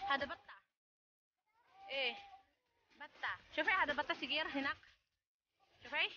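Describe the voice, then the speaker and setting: A young woman filming on her phone at an outdoor animal farm, gently coaxing a small child to feed the animals and mixing in words from other languages. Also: sits high, moderate pace, dull audio, slight background noise. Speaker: vlogger and parent. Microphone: handheld phone filming.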